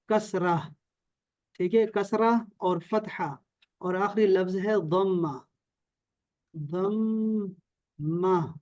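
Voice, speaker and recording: A man's voice: sits high, steady tone, darkish tone, no room sound, dull audio. A man from Pakistan teaching an online Arabic and Quran lesson over a video call, repeating key terms and checking often that his students follow.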